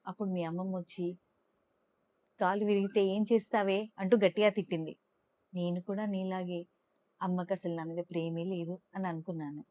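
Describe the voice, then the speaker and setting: A woman voicing a gentle, loving mother who speaks softly and reassuringly to her young son. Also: lowish voice, level tone, brisk, lightly acted. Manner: soft, tender, reassuring. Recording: dull lo-fi recording.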